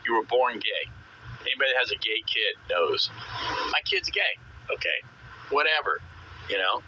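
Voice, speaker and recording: Bright, forceful man over muffled CB radio. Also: medium pitch, expressive, normal speed. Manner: emphatic, coarse swearing, rambling. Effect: CB radio transmission. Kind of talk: casual opinionated chat over CB radio. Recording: muffled noisy CB radio transmission.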